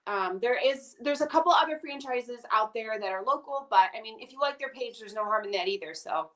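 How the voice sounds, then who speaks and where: A woman guest talking about her small business in a casual interview chat, playful and quick to laugh. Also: fairly high pitch. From Indiana, US. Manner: lively, playful, laughs easily.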